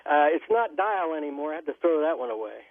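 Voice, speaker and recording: A man's voice: a little high, sing-song, quick pace, no echo. Folksy man calling in over a landline phone. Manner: chatty, folksy, rambling. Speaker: caller. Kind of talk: casual call-in chat. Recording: tinny phone line.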